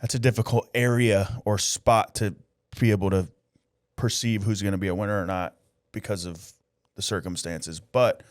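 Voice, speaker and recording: A man's voice: on the low side, steady tone, moderate pace, no echo, studio quality. A man in his late thirties hosting a podcast, talking in a laid-back, casual way with slang. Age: 30s. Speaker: podcast host. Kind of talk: casual conversational interview.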